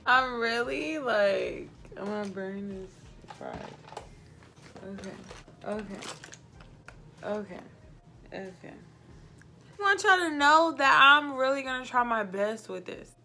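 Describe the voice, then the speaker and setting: Sitting close to the camera on a small home set indoors, a woman in her twenties vlogs about makeup in a drunk, giggly, rambling way. Her voice is a little high, animated, and sharp in tone, moving slowly with frequent pauses.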